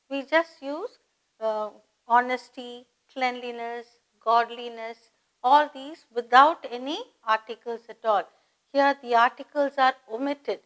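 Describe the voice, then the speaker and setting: Casting note: woman, patient exam-prep grammar teacher, very unhurried delivery. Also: high-pitched, a bit bright, poor audio. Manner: slow and deliberate, spelling words out and asking rhetorical questions. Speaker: English teacher. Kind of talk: grammar lesson for exam students.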